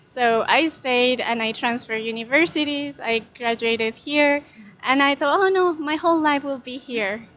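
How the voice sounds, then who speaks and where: A woman's voice: high voice, unhurried, a bit bright. Chatty woman from Colombia. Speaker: interviewee. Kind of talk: casual interview storytelling.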